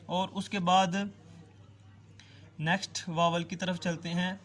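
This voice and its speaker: A man's voice: high-pitched, level tone, fairly bright tone. A man teaching a language class, patiently drawing out and repeating each sound and checking that the listener follows. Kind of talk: online language lesson.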